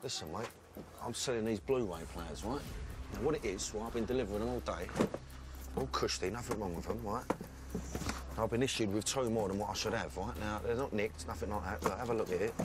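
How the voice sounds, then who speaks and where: A man's voice: on the low side, fairly quick, noisy background. A man with a London accent in matey, slangy, casual street patter. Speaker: presenter posing as a street seller.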